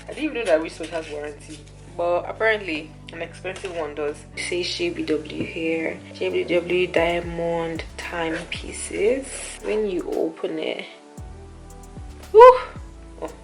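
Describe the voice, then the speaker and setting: Lower-pitched woman vlogging casually. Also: normal speed, vocal fry, few pauses, faint music behind. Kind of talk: casual chat to viewers.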